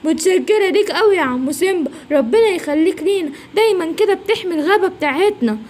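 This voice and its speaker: A sassy young female giraffe, played by a woman in a kids' storybook reading. She speaks in a raised, hurried voice with an Egyptian accent. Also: very high voice, animated, a little mellow, voice pushed up. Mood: grateful. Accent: Egyptian Arabic. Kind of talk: children's story voicing.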